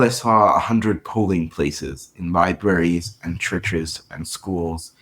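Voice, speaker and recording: Co-host poet, deep and husky, earnest and measured. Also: male voice. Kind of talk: poetry reading then casual talk.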